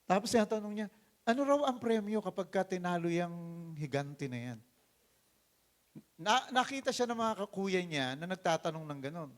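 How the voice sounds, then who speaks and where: A man with a Filipino accent, a pastor preaching an animated sermon that swings between loud calls and low asides. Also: normal speed. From Philippines.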